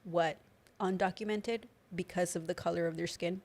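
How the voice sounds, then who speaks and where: A woman's voice: fairly low pitch, fairly even intonation, moderate pace, darkish tone. A young woman co-hosting a podcast in casual chat, talking with a slight lisp from new dental aligners and lots of filler words. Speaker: podcast co-host.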